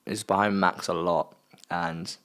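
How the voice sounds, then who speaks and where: Deep-voiced young English man, jokey podcast host. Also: fairly even intonation, normal speed, a bit bright. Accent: Southern English. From South of England. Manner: jokey, laughs a lot, trails off mid-thought. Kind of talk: casual chat.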